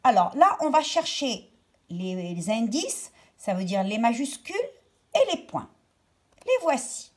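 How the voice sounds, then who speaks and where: A woman teacher giving a slow, carefully articulated grammar lesson to children. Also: fairly high pitch, very animated, a little mellow.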